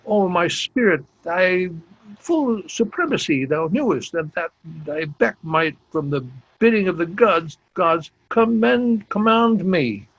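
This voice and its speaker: An amateur Shakespeare read-aloud over a dull, lo-fi video call with faint music features a man reading a shamed, despairing older general, grey-flecked and self-reproaching. He halts and stumbles with exclamations, in a high, fairly bright, exaggerated voice with lively intonation, sounding bitter and ashamed.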